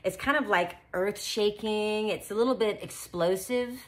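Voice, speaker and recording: A woman teaching children beatboxing in an animated, encouraging way, full of praise. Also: mid-range voice, unhurried. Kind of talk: children's tutorial.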